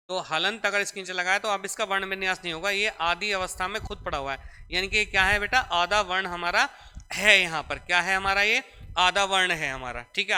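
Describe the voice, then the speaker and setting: A man's voice: high-pitched, sharp tone, clean tone. A young man teaching grammar in a classroom lecture. He explains step by step, repeats key points and calls his students "beta". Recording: echoey room with long reverb.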